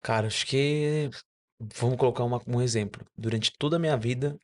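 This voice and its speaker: A man with a mid-range voice talks briskly as a doctor guest on a casual podcast. Spanish is his first language, and he explains things while frequently correcting himself.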